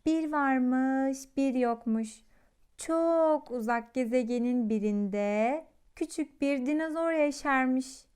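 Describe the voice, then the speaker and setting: A woman reading a children's storybook aloud, her voice a little high and smooth. She tells the tale gently, with plenty of expression for young listeners. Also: takes it slowly.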